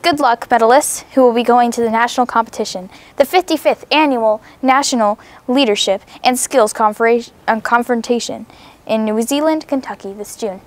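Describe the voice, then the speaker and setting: A young female student co-anchors a mock newscast in a fairly high voice. She reads the script earnestly, stumbling now and then over words. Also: normal speed.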